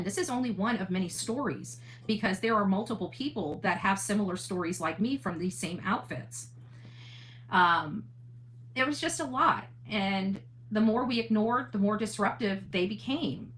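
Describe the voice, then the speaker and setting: A woman with a mid-range, fairly bright voice hosts an online livestream, talking casually and earnestly in a monologue and replying to chat. She often repeats and rephrases her points for emphasis.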